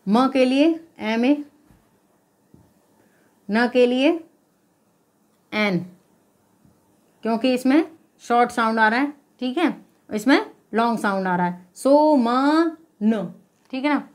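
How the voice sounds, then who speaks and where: A woman's voice: on the high side, takes it slowly, pauses often. A woman teacher explaining spelling step by step, patiently posing questions and then answering them herself. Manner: checks in with repeated "okay?". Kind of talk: spelling lesson.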